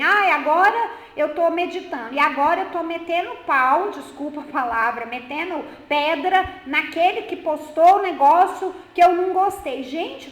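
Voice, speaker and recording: High-voiced Brazilian woman teacher, echoey room. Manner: chatty, addresses the group directly and often, acts out quoted speech. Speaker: psychotherapist and spiritual teacher. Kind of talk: talk to a live group.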